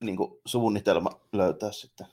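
A podcast co-host with a fairly low pitch and a darkish, steady tone discusses movies informally with his co-host. His talk is colloquial and rambling, with loose phrasing.

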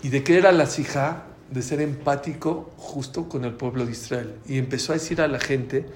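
A man with a Mexican accent telling a story in a talk, acting out the dialogue with lively changes of voice. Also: medium pitch, moderate pace, slight background noise. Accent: Mexican Spanish. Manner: animated, acts out quoted dialogue. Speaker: speaker giving a talk. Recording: echoey room.

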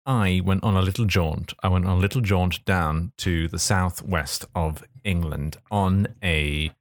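Low-voiced man telling a comic anecdote. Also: measured pace, dry recording, clean studio sound. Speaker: podcast co-host. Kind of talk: comic anecdote in casual banter.

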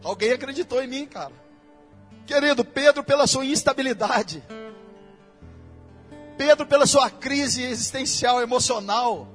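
High-voiced Brazilian preacher. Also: male voice, measured pace, long pauses, fairly bright tone, soft background music. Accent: Brazilian Portuguese. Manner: casual, slangy preaching that addresses listeners directly. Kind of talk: sermon. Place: church.

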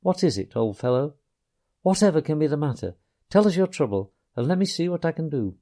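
A man's voice: a little high, sing-song, pitched above the performer's own voice. A man doing a kindly, hearty rat. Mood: gentle. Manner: warm, coaxing, brisk.

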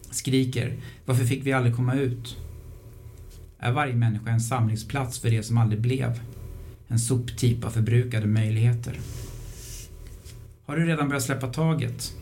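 Male reader, mellow dark timbre, quiet reflective questioning delivery for a scripted short story. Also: mid-range voice, a little hiss or hum. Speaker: podcast host reading his own short story. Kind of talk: scripted reading of a first-person short story.

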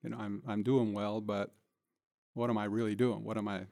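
An older city manager nearing retirement answers interview questions as a guest in a studio, speaking in a conversational, reflective, plain-spoken way. His lowish voice is warm with vocal fry, level in tone at a normal speed, and there's no echo.

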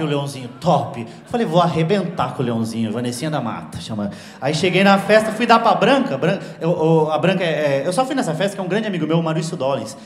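A man performing stand-up comedy on a stage. He tells the story in an animated way, acts out the dialogue himself and uses crude slang. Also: on the high side. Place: comedy stage with live audience. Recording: roomy live venue sound.

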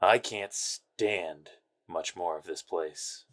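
An actor playing a world-weary, sardonic hardboiled private eye in a noir audio drama. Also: male voice, low voice, takes it slowly, a bit bright.

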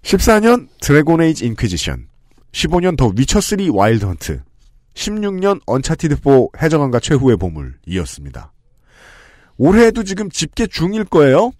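A man's voice: fairly high pitch, moderate pace, no room sound. A man hosting a podcast, reading out lists of games and adding joking asides, recorded in a studio. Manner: lively, joking, reads lists with asides and laughs. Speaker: podcast host. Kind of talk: casual podcast talk with scripted segments.

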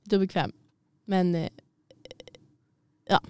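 A woman's voice: on the low side, a little mellow, smooth, no echo. A woman co-hosting a podcast, chatting casually and a bit self-consciously, laughing easily. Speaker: podcast co-host. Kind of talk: casual chat. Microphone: studio mic.

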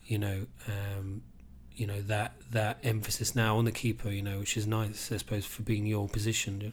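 A man hosting a casual sports podcast, talking in a rambling, halting way with plenty of "you know". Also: fairly low pitch, flat delivery, a little hiss or hum. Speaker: podcast host.

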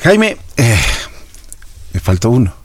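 A male interviewer prompts his guest with single names and brief affirmations. He speaks slowly, in a lowish, husky voice that sounds dry and close. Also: sing-song, no room sound. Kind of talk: interview questions.

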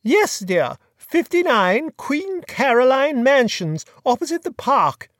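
Storybook elderly duchess, gossipy and emphatic, raised and lively, voiced by the narrator. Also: high voice, takes it slowly, no room sound, clean studio sound, pitched above the performer's own voice, heavily acted. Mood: gossiping. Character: elderly dowager duchess, chatty and kindly. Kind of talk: audiobook dialogue.

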